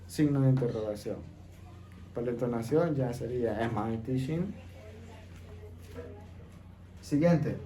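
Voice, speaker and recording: A man teaching an English class, explaining each step slowly and patiently and checking in with his students. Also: mid-range voice, dark tone. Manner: patient, repeats steps, checks in with "¿ok?". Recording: echoey room, faint background noise.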